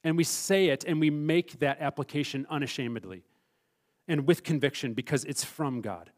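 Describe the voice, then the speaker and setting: A man preaching a sermon as pastor, emphatic, swinging between loud stressed phrases and hushed, quiet asides. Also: fairly high pitch, moderate pace.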